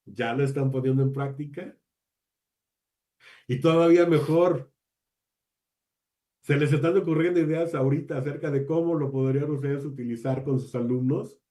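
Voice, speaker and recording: A man presenting an online training talk for teachers, measured and addressing the audience directly with questions. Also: on the high side, warm tone. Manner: measured, uses deliberate pauses, asks the audience questions.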